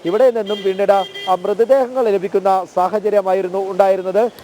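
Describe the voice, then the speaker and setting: Man, field news reporter, live report, high voice, mellow tone, halting with fillers. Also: fairly even intonation, a little hiss or hum. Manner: hesitant, many drawn-out filler sounds.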